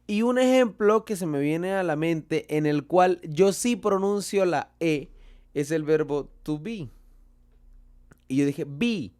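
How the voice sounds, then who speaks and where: A man with a Colombian Spanish accent teaching a lesson, slow and deliberate, asking and answering his own questions. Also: on the high side, lively intonation, a little mellow. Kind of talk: explaining a lesson.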